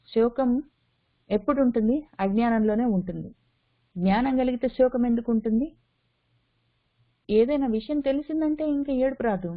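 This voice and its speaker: A woman teaching a Sanskrit scripture in a spoken lecture, repeating phrases for emphasis and mixing in English words. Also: medium pitch. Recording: tinny phone-line audio.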